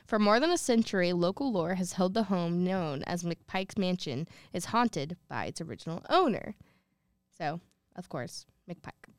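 A woman's voice: fairly low pitch, expressive, unhurried, clean tone, no echo, studio quality. A young woman co-hosting a podcast, reading a ghost story in casual chat with jokey, slangy asides. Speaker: podcast co-host.

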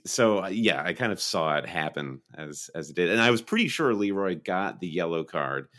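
A man co-hosting a casual fantasy football podcast, telling stories in a rambling, animated way and now and then putting on voices. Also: deep voice, moderate pace. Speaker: podcast co-host.

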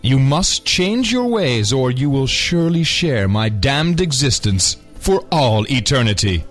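A man's voice: medium pitch, sing-song, soft background music. Man playing Jacob Marley's solemn, unearthly ghost. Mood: ominous, solemn. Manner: solemn, drawn-out, ominous delivery. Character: stern, mournful ghost of a greedy radio partner. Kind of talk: audio drama acting.

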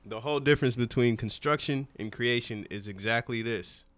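A man co-hosting a casual podcast, relaxed, reading a quote. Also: mid-range voice, fairly quick, a crowd in the background. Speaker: podcast co-host.

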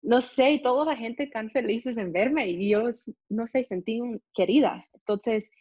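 A young woman with an American accent and native English, telling a lively story as an interview guest and acting out the people in it. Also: a little high, unhurried, no room sound. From United States. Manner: animated, acts out voices in her story. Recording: dull, muffled sound.

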